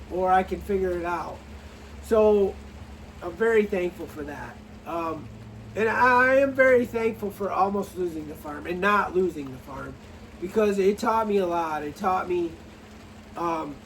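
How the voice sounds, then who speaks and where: A middle-aged man, a farmer, telling his story in a rambling, halting way with many restarts and some dry sarcasm. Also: high-pitched, distant mic, a little hiss or hum, poor audio. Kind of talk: casual personal story to camera.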